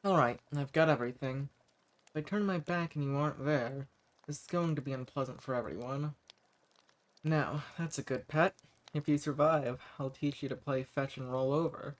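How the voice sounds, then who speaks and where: A man with a mid-pitched voice plays an old, sadistic vampire in a scripted audio roleplay spoken straight to the listener, lightly acted. The centuries-old character is coolly mocking and possessive, talking down to you like a pet with condescending pet names, taunting and threatening with slow, unhurried menace.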